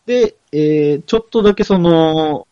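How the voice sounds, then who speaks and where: A man's voice: fairly high pitch, a little slow, warm tone, dry recording, lo-fi sound. A young man with a Kansai accent, chatting casually as a podcast co-host and at times reading a short passage aloud. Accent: Kansai Japanese. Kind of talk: casual chat.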